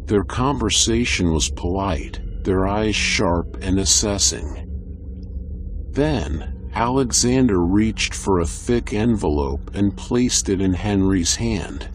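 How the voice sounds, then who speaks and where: Slow, low-voiced male story narrator. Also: animated, slight background noise. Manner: measured and descriptive. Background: faint background music.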